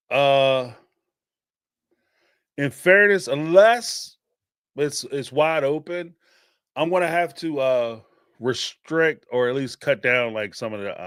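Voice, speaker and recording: This live-stream host, a man with a Philadelphia accent from the Northeastern United States, speaks at medium pitch, slowly, with long pauses and a smooth tone. Taking call-ins, he chats casually and rambles, laughing a lot and filling gaps with fillers. The audio is dry and studio quality.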